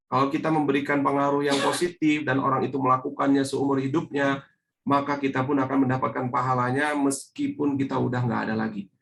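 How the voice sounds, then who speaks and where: Bright-voiced male speaking coach. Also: mid-range voice, creaky, slight background noise, poor audio. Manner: lively, coaxing, with frequent rhetorical questions. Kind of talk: online webinar teaching.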